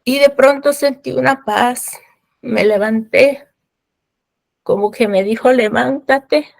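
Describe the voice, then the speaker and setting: A woman shares a personal faith testimony in a slow, unhurried delivery. She speaks haltingly and repeats words, with a fervent, prayerful tone. Her voice sits close and dry, with no room sound around it. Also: fairly high pitch, vocal fry, dry recording.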